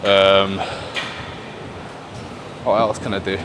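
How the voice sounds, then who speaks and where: A man's voice: low-pitched, level tone, takes it slowly, background noise. A man muttering casually and thinking aloud as he films a gym vlog. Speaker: fitness vlogger. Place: indoor gym.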